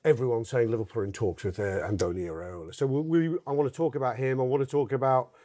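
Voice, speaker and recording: A man's voice: medium pitch, quick pace, dark tone. Male podcast host, casual and jokey, mid-range voice. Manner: chatty, jokey, reads sponsor copy with asides. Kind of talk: casual football podcast chat.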